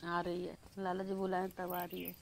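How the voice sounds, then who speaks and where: A woman vlogger, chatting to viewers and coaxing a puppy in soft baby talk, with sudden sharp scolding calls. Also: fairly low pitch, monotone, normal speed, gravelly. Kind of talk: casual home vlog.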